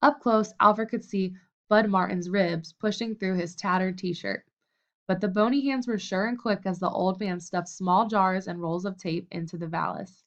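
A woman narrating a novel as an audiobook, in a steady, even storytelling manner. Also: mid-range voice, moderate pace, lo-fi sound.

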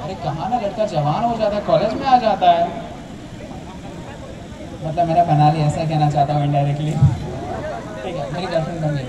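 A young man telling an animated stand-up comedy story, acting out his family members. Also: fairly high pitch, normal speed, long pauses. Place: large tented college hall with a seated crowd. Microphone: handheld mic, filmed from far back in the audience. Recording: distant echoey hall with crowd noise. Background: audience laughter and chatter.

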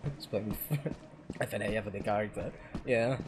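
A streamer chatting casually with friends during a co-op game, swearing often and shouting when startled. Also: medium pitch, moderate pace. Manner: swears a lot, loud outbursts when startled. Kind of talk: casual gaming chat with friends. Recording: noisy game stream audio.

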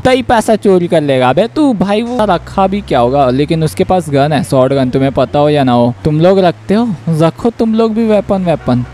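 Excitable young man narrating gameplay. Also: on the high side, slight background noise. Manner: excitable, shouts at the game, talks to viewers. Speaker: gameplay commentator. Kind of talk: excited Let's Play commentary.

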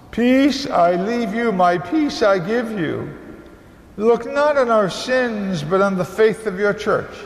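A male priest leads the prayers of a Mass in an unhurried, measured recitation. His voice sits high and carries a gravelly edge. Cathedral echo surrounds every phrase with a long, roomy tail. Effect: cathedral echo with long reverb. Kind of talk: liturgical prayer at a school Mass. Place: large cathedral basilica. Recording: echoey cathedral hall, long reverb.

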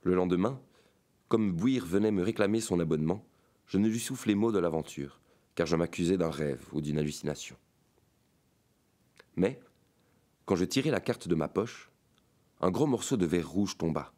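A man with a very deep voice reads a fantastic tale aloud. He narrates in a measured, dramatic way, as in an audiobook. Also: expressive, warm tone. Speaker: reader of a short story.

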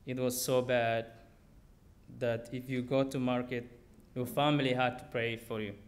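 A young man tells his own story on a theater stage, reading steadily from his notes at a lectern. His voice sits at an ordinary middle pitch and comes through a podium microphone. His phrasing is simple and measured. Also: flat delivery. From Somalia. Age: young adult. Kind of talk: personal story read aloud on stage.

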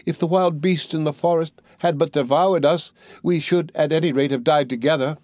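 A man's voice: on the high side, steady tone, normal speed, darkish tone, no room sound, studio quality, pitched above the performer's own voice, close to an everyday voice. A man doing a young girl, Gretel. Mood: pleading. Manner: pleading, earnest storybook child voice. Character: young girl, frightened but clever and brave.

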